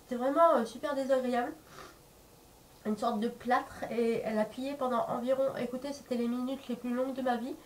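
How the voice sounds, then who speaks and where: A woman's voice: a little high, steady tone, a little fast. A woman with a congested, stuffy nose and sore throat from a cold, chatting casually to camera in a hesitant, rambling way as a vlogger. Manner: hesitant, rambling, searches for words. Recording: distant mic, faint background noise.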